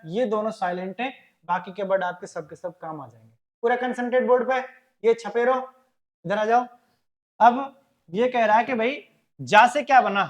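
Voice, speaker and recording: A male teacher with a Rajasthani Hindi accent, giving a loud, emphatic classroom lecture in a classroom and drilling words syllable by syllable. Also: high-pitched. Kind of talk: classroom lecture with memory trick.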